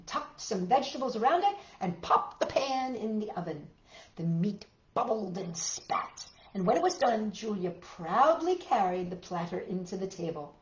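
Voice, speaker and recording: In an echoey room, a woman reads a picture book to children, her mid-range voice swinging widely in pitch at a moderate pace. Her delivery is dramatic, with chatty asides, and the recording has its highs cut off.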